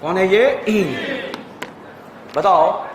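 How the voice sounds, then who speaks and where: A man teaching chemistry to a class, firing rapid repeated questions at students, joking and often calling out loudly. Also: high voice, expressive. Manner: jokey, often calls out loudly. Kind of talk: lively classroom lecture. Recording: echoey room with crowd noise.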